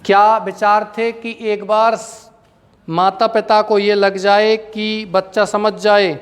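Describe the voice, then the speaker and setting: A man teaching with an Indian accent, dictating answers slowly word by word and explaining in quick asides. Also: sits high, little pitch movement, long reverb tail. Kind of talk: dictating classroom answers, Hindi and English mixed. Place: school classroom.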